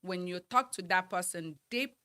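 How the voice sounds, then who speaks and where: A woman's voice: fairly low pitch, normal speed, bright, forceful tone. A woman, giving earnest, upbeat interview answers as a guest. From Nigeria. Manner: earnest, upbeat, talks in long runs. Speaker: guest, model trainer and banker.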